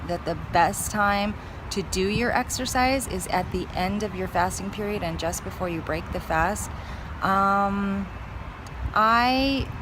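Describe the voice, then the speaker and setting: A woman chatting casually to viewers as a fitness vlogger, thinking aloud in a hesitant, musing way. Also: mid-range voice. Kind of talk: casual vlog chat to camera. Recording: clear vehicle and outdoor noise.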